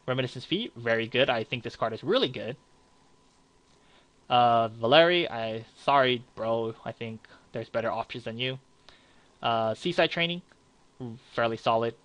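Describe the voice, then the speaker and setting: A man's voice: medium pitch, fairly bright tone. A young man giving casual, frank card game commentary, rambling with fillers and restarts.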